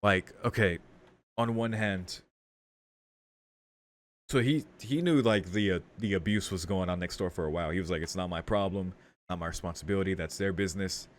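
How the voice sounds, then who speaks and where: Game music runs behind this man as he plays through a visual novel, a streamer giving its text a dramatic reading and tossing out slangy, casual reactions. His voice sits low, and he talks at a moderate pace.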